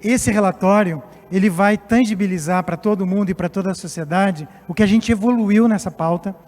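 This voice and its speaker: On a live-event stage, a guest speaker who is a Portuguese executive in his late fifties talks in a high voice with a darkish tone. His speech is semi-formal and a little hesitant, set in a reverberant hall with music in the background.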